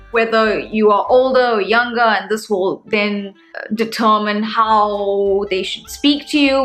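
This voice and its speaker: A woman from South Africa with a South African accent, telling comic stories to camera in a sarcastic, animated way. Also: fairly high pitch. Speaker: vlogger. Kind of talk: casual comedic vlog monologue.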